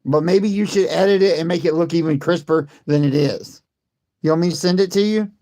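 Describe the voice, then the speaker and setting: A hoarse man who has lost his voice, coughing and talking defensively in casual chat, repeating his points. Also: on the high side, fairly quick, warm tone. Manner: repetitive, defensive.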